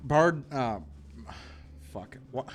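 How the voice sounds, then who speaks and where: A man's voice: mid-range voice, expressive, very slow. A man hosting a game stream, casually reading chat comments aloud and stumbling over names.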